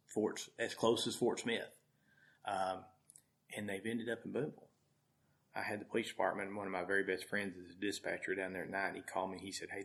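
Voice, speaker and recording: A man's voice: low voice, fairly bright tone. A man from Arkansas, a guest telling heartfelt, rambling stories and often repeating his words. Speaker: guest, food charity volunteer. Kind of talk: storytelling in conversation.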